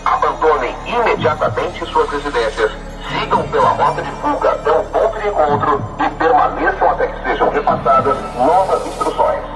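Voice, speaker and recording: A man giving a recorded emergency announcement over an outdoor public loudspeaker, with urgent, repeated commands. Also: fairly high pitch, sing-song, normal speed. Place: outdoors in a town at night. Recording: distant outdoor loudspeaker under loud music.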